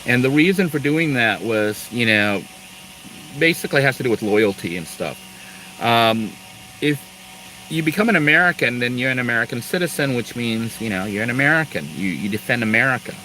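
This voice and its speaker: A man's voice: mid-range voice, animated, brisk, bright, forceful tone, a little hiss or hum, poor audio. A middle-aged man from Thailand chatting casually on a live stream, rambling through asides and laughing now and then. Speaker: live-stream host, Air Force veteran.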